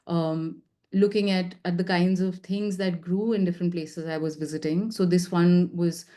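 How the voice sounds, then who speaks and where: A young woman presenting her work at a seminar, talking fast with lots of fillers and restarts. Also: on the low side, warm tone. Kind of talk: academic presentation.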